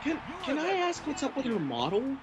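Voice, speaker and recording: A man giving casual gameplay commentary as a co-host, excitable and joking. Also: normal speed. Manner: excitable and joking, with wild swings in pitch. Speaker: let's play co-host.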